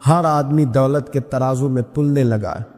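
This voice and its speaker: A male preacher with a mid-range, darkish voice gives an impassioned sermon full of rhetorical questions. The recording has a long hall reverb with music.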